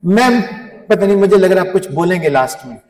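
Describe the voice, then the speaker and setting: A man in his fifties, a physics teacher giving a humorous, animated motivational talk to students, mixing English phrases into his speech. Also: sits high, fairly quick. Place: large school hall. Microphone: handheld mic, recorded from a distance. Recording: echoey hall, distant mic.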